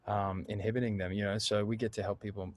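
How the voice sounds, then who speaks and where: A man, a singer and voice coach, chatting as an interview guest and telling stories in a lively way, acting out the voices he quotes. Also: fairly low pitch, fast. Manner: animated storyteller, acts out quoted voices. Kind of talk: casual conversational interview.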